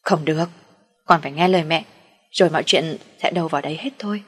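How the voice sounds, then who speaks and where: A woman's voice: sits low, quick pace, slightly rough. A woman voicing a middle-aged mother who nags and coaxes her grown son. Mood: coaxing. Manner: nagging, then soothing.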